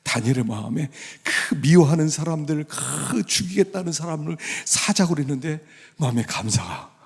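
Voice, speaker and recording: Husky-voiced man preaching in a reverberant hall. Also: on the high side, expressive, moderate pace. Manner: dramatic swings from hushed whispers to loud exclamations; acts out inner voices and prayers. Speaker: pastor. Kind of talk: sermon. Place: church sanctuary. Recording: long church hall reverb.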